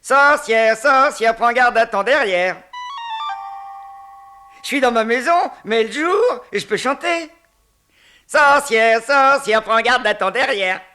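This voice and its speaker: Jumpy nervous homeowner, real high bright voice, stammers a lot. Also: male voice, expressive, normal speed, few pauses, soft background music. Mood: fretting. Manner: fussy, stammering, sings to himself. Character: nervous, fretful man who bought a house. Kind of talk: 1970s TV cartoon voice acting.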